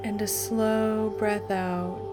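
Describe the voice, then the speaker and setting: A woman narrating a guided meditation in a calm, soothing, deliberate way with long pauses. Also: mid-range voice. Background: music.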